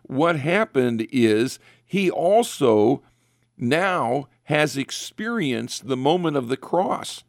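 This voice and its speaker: A man's voice: medium pitch, big pitch swings, slow pace, no echo, clean studio sound. A man earnestly explaining theology on a talk show, repeating phrases for emphasis. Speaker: guest Bible teacher.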